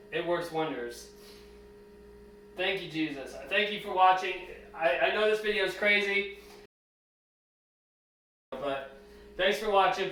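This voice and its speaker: Male vlogger, plain-spoken, slow step-by-step delivery; faint hum behind. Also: sits high, bright, forceful tone, roomy sound. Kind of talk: casual home-video narration. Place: room in a house.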